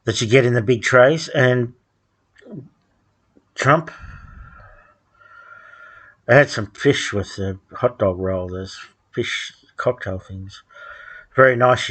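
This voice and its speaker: A man, delivering a rambling solo monologue at home, halting with frequent ums and restarts and dry sardonic asides. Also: lowish voice, fairly bright tone. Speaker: podcast host.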